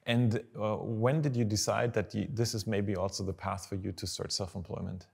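Low-voiced upbeat male interviewer. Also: steady tone, creaky, a little mellow, slightly rough. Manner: upbeat, quick with encouraging backchannels. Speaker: interview host. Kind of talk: casual interview. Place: dark studio, indoors.

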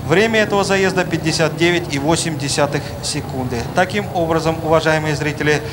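A man's voice: on the high side, fairly quick. A man giving live race commentary as a sports commentator in an announcer-like manner. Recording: noisy outdoor track, engine noise behind. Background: motorbike engines and outdoor ambience.

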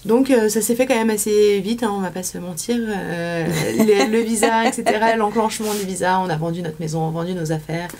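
A woman from France in her thirties, with a French accent, is a casual interview guest who talks fairly quickly with hardly any pauses, using lots of fillers and restarts. Her voice is medium-pitched and slightly mellow, set on a small indoor studio set with a little hiss or hum.

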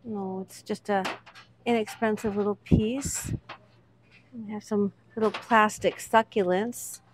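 A woman's voice: mid-range voice, fairly even intonation, slow pace, noisy background. A woman hosting a vlog, chatting casually as she points out items on shop shelves one by one. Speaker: vlog host, reseller. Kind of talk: casual commentary while browsing a shop.

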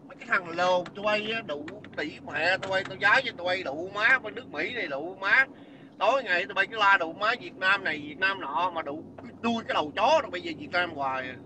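A man's voice: very high voice, background noise. A man delivering a scornful, profane, angry rant as a livestream commenter. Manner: shouting insults, scornful and profane.

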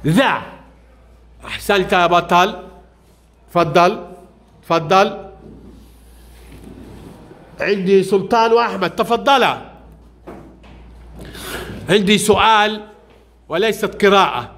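A male primary school teacher leading a classroom reading lesson with young children, asking brisk questions and praising each answer. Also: sits high, fairly bright tone.

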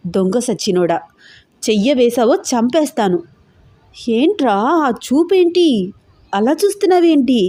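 A woman's voice: a little high, dry recording, studio quality, natural voice. A woman voicing an angry young woman who scolds and threatens her fiancé in an audio story. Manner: scolding, sharp-tongued. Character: hot-tempered young woman, bride-to-be.

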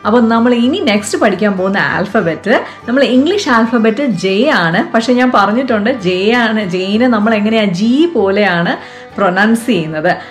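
A woman's voice: medium pitch, expressive, moderate pace, soft background music. A woman with a Malayali accent hosting a casual lesson for children, chatty and coaxing, asking the viewer questions. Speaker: vlog host teaching French to kids.

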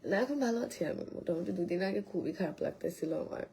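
A woman, hoarse from coughing, rambles casually through a live stream and answers viewer comments. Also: fairly low pitch, animated, fast, mellow, slight background noise, poor audio. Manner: rambling, restarts a lot, reads commenters' names aloud. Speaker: live streamer selling skin care.

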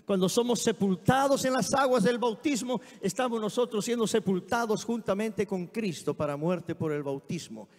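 High-voiced preacher man in a reverberant hall. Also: moderate pace, hardly any pauses. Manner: storytelling, lively, exclaims amén often. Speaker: guest preacher. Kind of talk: sermon with anecdotes. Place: church sanctuary.

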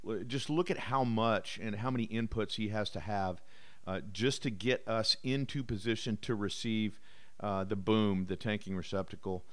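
A man's voice: on the low side, normal speed. A man who is a bomber pilot gives easygoing voice-over commentary on flight footage, explaining with frequent "uh" fillers.

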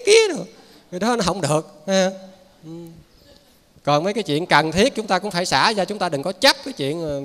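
A man's voice: on the high side, a bit bright. Folksy Southern Vietnamese man preaching. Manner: conversational, folksy preaching with frequent asides to the audience. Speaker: lay preacher. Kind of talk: Buddhist dharma talk. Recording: reverberant hall.

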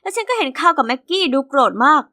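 A woman narrating as a cheeky teenage orphan girl in an animated diary story. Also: very high-pitched, rapid-fire, full character voice. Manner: lively, cheeky first-person storytelling.

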